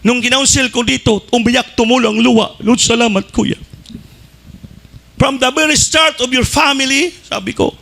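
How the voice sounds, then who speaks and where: High, bright-voiced preacher. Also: male voice, moderate pace, creaky. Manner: fervent preaching, swinging between shouted peaks and low asides; mixes English phrases into his preaching. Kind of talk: sermon.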